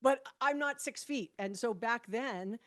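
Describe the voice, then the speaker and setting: A woman in her fifties from Hawaii appears as a guest on a conversational podcast, recounting stories from her past in a relaxed, animated way. Her voice is on the high side and a little slow, with frequent restarts and light laughter.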